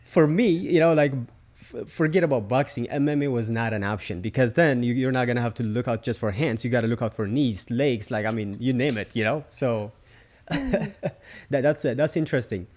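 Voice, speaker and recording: A man's voice: medium pitch, animated, moderate pace, darkish tone. A man hosting a podcast, asking questions in a hesitant, filler-heavy way. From outside the United States. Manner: hesitant, many fillers and restarts. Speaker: podcast host. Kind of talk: casual interview.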